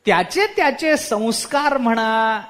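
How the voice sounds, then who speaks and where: A male preacher telling a story in a sermon, with animated delivery and dramatic pauses. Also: very high-pitched.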